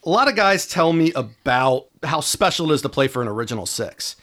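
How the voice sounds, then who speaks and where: Male host, interviewer, fast-talking, lively pitch. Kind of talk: interview questions.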